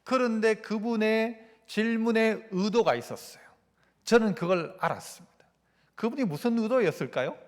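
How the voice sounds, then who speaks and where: A man's voice: high voice, normal speed. A male pastor preaching a Sunday sermon, throwing rhetorical questions at the congregation. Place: church sanctuary. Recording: long church-hall reverb.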